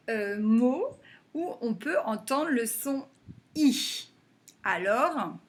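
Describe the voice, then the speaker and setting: A woman teacher giving a phonics lesson to young children, saying words slowly and clapping them out syllable by syllable. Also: mid-range voice, fairly bright tone, a little hiss or hum. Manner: slow and deliberate, stretching and clapping out words syllable by syllable.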